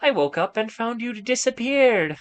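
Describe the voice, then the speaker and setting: A man doing a gentle grandma snail voice. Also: very high-pitched, expressive, clean tone, voice pushed up. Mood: kindly. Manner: slow, tender, drawn-out grandma voice. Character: gentle old grandmotherly snail woman, kindly.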